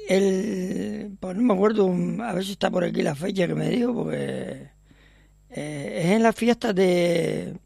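A man's voice: high-pitched, creaky, a little mellow, no echo, clean studio sound. A man hosting a local radio show in a chatty, rambling way, with joking asides. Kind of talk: casual radio chat.

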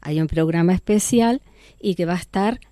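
Woman radio host, mellow and chatty, dry close sound. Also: lowish voice, moderate pace, no room sound. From Venezuela. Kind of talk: radio chat with a caller.

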